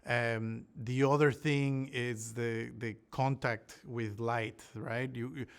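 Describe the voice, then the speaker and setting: Man from Ecuador, smooth voice, halting. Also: medium pitch, fairly even intonation. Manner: thoughtful, many restarts and fillers. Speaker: olive researcher. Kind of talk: interview answers.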